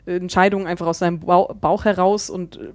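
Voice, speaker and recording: Lady hosting a podcast, lowish voice, jokey, laughs a lot, dry close mic. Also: flat delivery, fast talker, no room sound. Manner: playful, laughs easily, steers the topic. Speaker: podcast host. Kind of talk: casual podcast chat.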